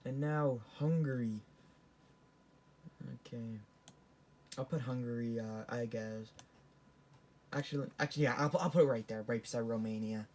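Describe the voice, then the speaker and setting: A man's voice: mid-range voice, moderate pace, long pauses, darkish tone. Rambling teen boy. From Canada. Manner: rambling, with frequent restarts and self-corrections. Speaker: vlogger. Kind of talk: casual tier-list commentary.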